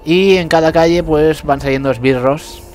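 With game sounds, noise, and faint music behind him, a young gameplay commentator talks at a moderate pace in a darkish voice on the high side. He casually mocks his own poor play, admitting he's bad at the game, and keeps bursting into laughter and yelps.

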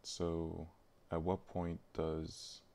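A streamer casually livestreams while working, muttering to himself and thinking aloud. His low, dark voice has vocal fry and a completely flat delivery, and he talks very slowly.

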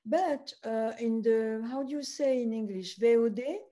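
French lady producer, warm mellow voice, lots of uhs, hunting for english words. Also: fairly high pitch. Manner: halting, searching for English words, many uhs. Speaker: film producer. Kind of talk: festival Q&A conversation.

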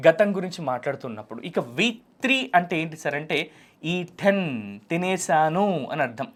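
A man with a Telugu accent teaching spoken English, asking and answering his own questions and repeating each point. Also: on the high side. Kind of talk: explaining a lesson to students.

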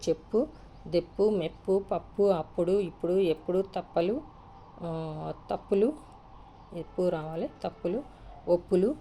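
A woman teacher slowly reading a word list aloud, one word at a time, and explaining how each should be read. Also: fairly low pitch, vocal fry, dark tone, slight background noise. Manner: slow, deliberate, reads each word separately with pauses.

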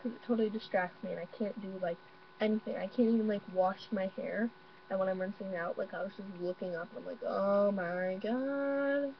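A young woman vlogging from her bedroom, excitable and rambling, with lots of fillers. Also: medium pitch, fast talker. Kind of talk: casual vlog. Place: bedroom at home. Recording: dull lo-fi webcam audio with faint mains hum.

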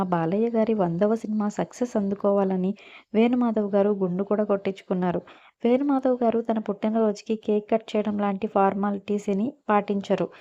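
Mellow-voiced woman reading a biography. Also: medium pitch, creaky, lo-fi sound. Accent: Telugu. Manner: steady, even read-aloud delivery. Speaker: narrator. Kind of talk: scripted biography narration.

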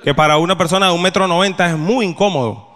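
A young adult man with a Venezuelan Spanish accent performing a stand-up comedy set, telling deadpan stories and acting out the voices of the people he meets. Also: sits high, quick pace. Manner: deadpan storytelling, acts out quoted voices. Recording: long hall reverb.

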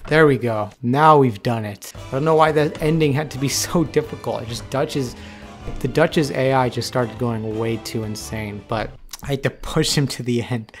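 A man giving casual, excitable commentary over a game he is playing, talking to the characters on screen as he goes. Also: medium pitch, normal speed, faint music behind. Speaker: gaming video creator.

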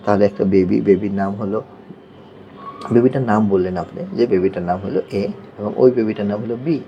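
Gravelly low-voiced therapist man. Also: fairly even intonation, moderate pace, muffled recording, a little hiss or hum. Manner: patient, repeats "yes" and checks "okay?". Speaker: occupational therapist. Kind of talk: explaining techniques to parents.

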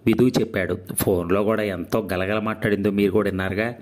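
A man's voice: lowish voice, steady tone, fast talker, slight background noise, natural voice. A man reading aloud voices a playful, talkative young woman who teases her elders. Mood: teasing. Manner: teasing, giggly.

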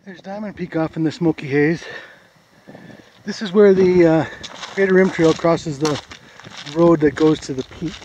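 A man's voice: a little high, a little slow, warm tone, a little hiss or hum. A man with an American accent casually narrating a forest trail hike outdoors, pointing out the sights as he walks. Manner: easygoing, plain, pointing out sights. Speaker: hiker filming a trail video. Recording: dull lo-fi camera audio.

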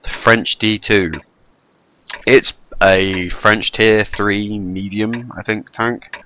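A young man with a stuffy head cold gives casual tank-game commentary slowly, in a lowish, bright, forceful voice with fairly even intonation. He comes across as rambling, wry and self-deprecating. Slight background noise sits under the game's gunfire and engines.

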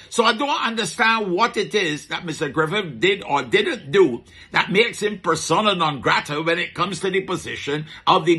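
A man's voice: high voice, pushed and bright, slightly rough. A middle-aged man with a Barbadian accent giving chatty comic commentary in a market vendor persona, full of rhetorical questions and dialect asides.

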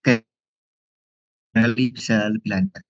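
A man's voice: lowish voice, fairly even intonation, measured pace, no room sound. A man's voice comes through a video call that glitches and cuts out in choppy bursts. The line is dull and muffled. He speaks politely, with slight hesitation. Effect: choppy, glitching video-call audio that breaks up. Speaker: webinar participant asking a question. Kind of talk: online question-and-answer.

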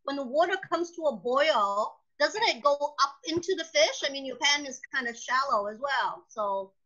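A woman's voice: high voice, lively intonation, moderate pace, pushed and bright. A woman joining a cooking class over a video call, asking a hesitant question with ums. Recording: dull lo-fi video call audio.

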